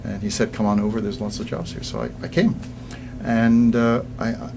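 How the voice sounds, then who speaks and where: A man in his sixties from Egypt, a guest business coach in a casual interview, telling stories with lively restarts and repeated words. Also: fairly low pitch, normal speed, vocal fry, noisy background. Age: 60s. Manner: animated storyteller who repeats words when starting sentences.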